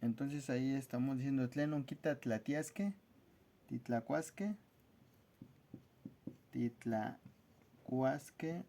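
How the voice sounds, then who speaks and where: A man teaching a language lesson at a whiteboard, spelling out words slowly and carefully in a friendly, casual way. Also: mid-range voice, animated, warm tone.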